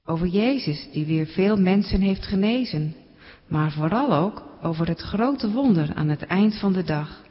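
A woman telling a children's Bible story slowly and gently, adding spoken sound effects. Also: medium pitch. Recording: dull recording with long reverb.

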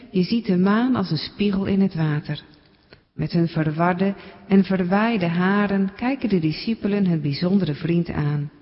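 A woman telling a children's Bible story slowly and gently, adding spoken sound effects. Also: mid-range voice. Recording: dull recording with long reverb.

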